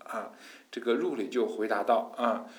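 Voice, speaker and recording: A man giving a colloquial sermon that explains scripture, animated and folksy, with hushed asides and mock voices. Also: mid-range voice, moderate pace, roomy sound. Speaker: Buddhist teacher.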